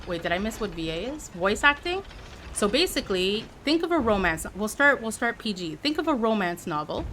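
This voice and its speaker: A Canadian woman in her forties chats casually with viewers on a livestream, teasing and playful, chatty and expressive. Her voice sits on the low side, and there's a little hiss or hum in the recording.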